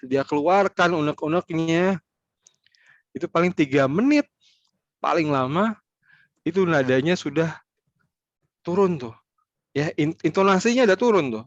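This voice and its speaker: A man's voice: on the high side, no echo, muffled recording. A man giving an online training talk, explaining step by step and repeating key points for emphasis.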